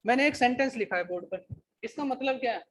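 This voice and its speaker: A male teacher gives a classroom grammar lecture in a high voice. He dictates slowly and repeats phrases. He keeps pausing to check that his students are following. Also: expressive, slight background noise. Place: coaching classroom.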